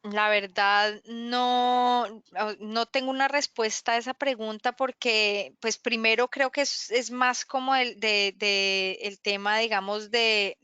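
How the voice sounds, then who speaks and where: A woman's voice: a little high, steady tone, slow pace, sharp tone, smooth, dry recording, muffled recording. A woman speaking in an online workshop, explaining and answering questions with many hesitations and restarts.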